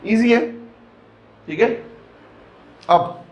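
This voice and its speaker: The audio is dull, carrying a very high-pitched, animated male voice that draws out its words. He's lecturing on physics in a Hyderabadi Hindi accent, working through ideas step by step, using English terms, and quizzing the class as he goes.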